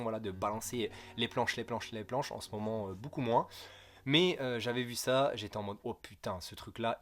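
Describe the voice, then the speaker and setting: Joking young man rambling about manga. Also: medium pitch. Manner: rambling, joking, self-correcting, crude slang. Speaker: manga youtuber. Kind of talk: casual wishlist review.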